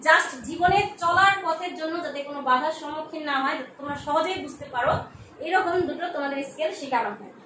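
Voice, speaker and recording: Speaking quickly in a high voice, this middle-aged geography lecturer from Bangladesh teaches students online from her home, warm and motherly, using lots of filler sounds. The mic sits at a distance in an echoey room, with background noise present.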